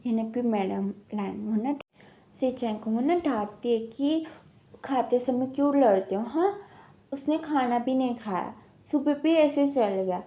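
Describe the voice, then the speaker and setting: A woman casually retelling a fan fiction story, chatty and acting out the characters' lines as she goes. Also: dull audio. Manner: chatty, acts out characters' lines with shifting pitch.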